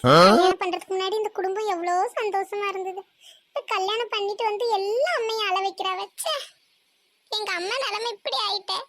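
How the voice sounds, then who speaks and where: Actress as a whiny meddling sister-in-law, very high shrill voice, faint noise behind. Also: female voice, lively intonation, brisk, fairly bright tone. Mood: accusing. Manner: accusing, whiny. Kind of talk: cartoon voice acting.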